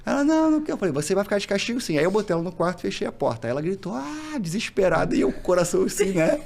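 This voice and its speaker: A man's voice: high voice, racing. A man with a Brazilian Portuguese accent, a single father chatting as a podcast guest and acting out bits of dialogue as he tells stories. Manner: animated storyteller, acts out dialogue. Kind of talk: casual interview chat.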